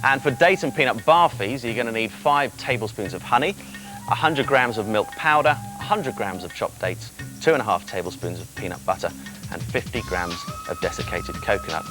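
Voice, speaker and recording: Low-voiced man demonstrating a recipe. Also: animated, brisk, music in the background. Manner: chatty, explains step by step. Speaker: children's TV presenter. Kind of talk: cooking demonstration.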